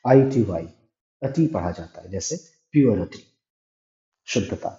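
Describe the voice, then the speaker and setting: A man's voice: lowish voice, lively intonation, measured pace, mellow. A man teaching English grammar step by step, asking and answering his own questions. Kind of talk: classroom-style grammar lesson. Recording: echoey room, dull lo-fi sound.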